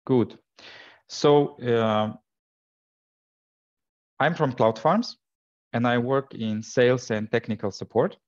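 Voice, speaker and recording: A Ukrainian man presents software at an info day, speaking for sales and technical support in English full of fillers and false starts. His mid-range voice is slow with frequent pauses, and the recording sounds dull and lo-fi.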